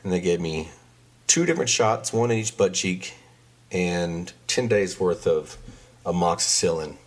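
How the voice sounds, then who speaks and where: A man's voice: sits low, expressive. Stuffy-voiced man hosting a podcast. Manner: earnest, measured storyteller. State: stuffy, congested from a cold. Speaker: podcast host. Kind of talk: podcast storytelling with a moral lesson.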